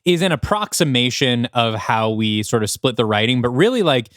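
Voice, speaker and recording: A man with a mid-range, fairly bright voice sounds very animated at a moderate pace, in a dry, studio-quality recording. He's a writer co-hosting a podcast, rambling casually about writing as he thinks aloud in behind-the-scenes chat.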